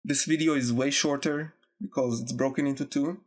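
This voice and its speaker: A young man with a congested, nasal voice from being sick, speaking casually and reflectively to his viewers in short, halting phrases. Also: mid-range voice, fairly even intonation. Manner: slow, halting, reflective, with pauses. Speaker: YouTube video essayist. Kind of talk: casual talk to camera.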